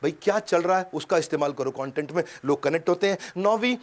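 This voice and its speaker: A middle-aged man giving an energetic seminar talk as a motivational business coach, punchy and rhythmic, switching suddenly between loud bursts and hushed lines. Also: on the high side, fast. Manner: mimics voices and sound effects. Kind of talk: energetic Hindi seminar talk mixed with English.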